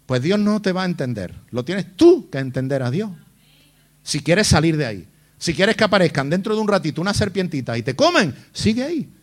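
A man's voice: high voice, sing-song, a little fast. A male pastor preaching a sermon, hitting hard with rhetorical questions and mocking whiny voices to make his point. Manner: emphatic, fires rhetorical questions at the congregation.

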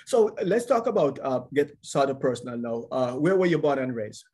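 A man's voice: mid-range voice, animated, moderate pace, a little mellow. A man interviewing a musician in a casual chat, often answering with short agreements. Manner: frequent backchannels, laughs easily.

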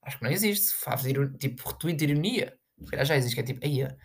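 A man's voice: medium pitch, expressive, rapid-fire, gravelly, husky. Brief: young man, European Portuguese accent, casual sarcastic rant, rambling delivery, fillers everywhere. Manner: sarcastic, with big jumps into mocking voices.

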